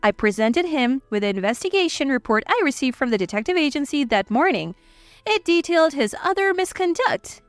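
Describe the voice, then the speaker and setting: A woman's voice: high voice, sing-song, brisk, dry recording. A woman narrating a first-person story in a cool, blunt, scornful manner. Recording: dry voice with faint music.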